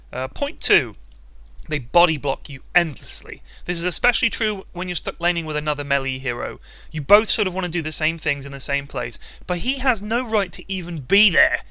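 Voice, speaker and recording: A man's voice: high-pitched, bright, forceful tone, smooth, no echo. A man delivering sarcastic, exaggerated comic commentary about playing an online game, closely miked. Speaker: video commentator.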